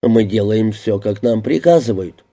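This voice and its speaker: A man's voice: on the low side, lively intonation, a little slow, mellow. A man reading a stubborn city painter. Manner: stubborn, matter-of-fact. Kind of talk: audiobook character reading.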